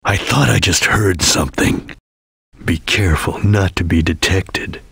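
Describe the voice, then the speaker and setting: A serious ninja chameleon from a video game. The voice is heavily husky and breathy, recorded close and dry. The delivery is solemn, terse and watchful, with a disciplined formality. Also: male voice, sits low, unhurried, bright, forceful tone, dry recording, exaggerated voice. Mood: guarded, calm. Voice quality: husky, gravelly. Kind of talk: English video game voice acting.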